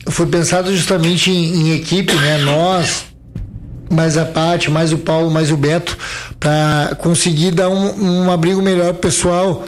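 A man's voice: on the high side, flat delivery, unhurried, slight background noise. A man from southern Brazil, an event organizer being interviewed on local radio, rambling with restarts and fillers. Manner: rambling, repeats words, many fillers.

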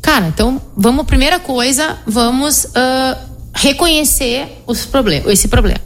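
A middle-aged woman psychologist, explaining her method in an animated conversational interview, often tagging her sentences with "né?". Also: sits high, a little slow. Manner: explanatory, animated, frequent "né?" tag questions.

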